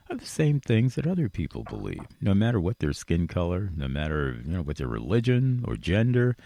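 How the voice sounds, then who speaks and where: A warm, lowish male voice belongs to a radio talk show host conducting a conversational interview. He's earnest and emphatically repetitive, wandering into an upbeat monologue, and there's no echo.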